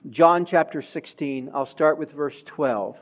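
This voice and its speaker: A man raised in Honduras preaches a sermon in church, speaking slowly and emphatically and growing louder on key words. His voice is a little high, and the recording's highs are cut off.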